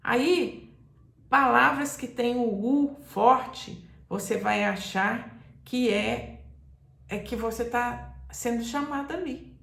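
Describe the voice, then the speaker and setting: Woman teacher going real slow, gravelly voice, kinda echoey room. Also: fairly high pitch. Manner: patient, repeats examples, calls out words loudly to demonstrate stress. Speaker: Portuguese teacher. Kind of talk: slow explanatory grammar lesson.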